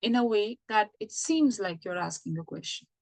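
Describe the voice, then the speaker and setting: A woman's voice: mid-range voice, animated, moderate pace, a little mellow, no echo. A woman giving an online English grammar lesson, explaining patiently and checking in with the listener. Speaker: English teacher.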